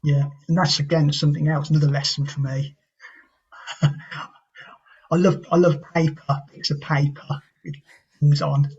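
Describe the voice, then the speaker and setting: Husky man on a dull-sounding call. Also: a little high, level tone, measured pace, pauses often, a little mellow. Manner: agreeable, says yeah often. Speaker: club member. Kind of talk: casual video call chat.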